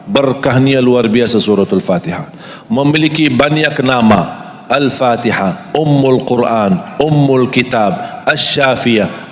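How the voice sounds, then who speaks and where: A male preacher whose first language is Arabic speaks to a live gathering in a middle-pitched voice. He poses questions to the audience and recites lists slowly and deliberately, with a long reverb trailing each phrase as in a large hall.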